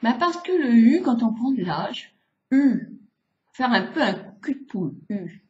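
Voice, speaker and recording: A woman's voice: a little high, big pitch swings. Older woman coaching face exercises, roomy sound. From France. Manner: chatty, demonstrative, drawn-out vowel sounds. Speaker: beautician. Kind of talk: casual face-exercise tutorial. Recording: roomy, slightly dull home video.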